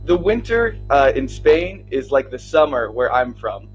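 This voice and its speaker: A man's voice: mid-range voice, sing-song, unhurried, highs cut off, soft background music. A man from Minnesota, tutoring English casually over a video call and laughing often. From Minnesota, United States. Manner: friendly, laughs often, asks easy questions. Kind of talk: casual conversation.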